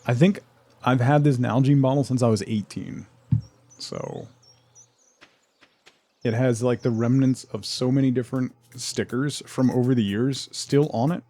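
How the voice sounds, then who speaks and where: Male streamer, young adult, gravelly mid-pitched voice, casual chatty delivery. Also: a little slow, long pauses, mellow. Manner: chatty, reads and answers chat, laughs often. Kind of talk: casual live-stream chat while gaming.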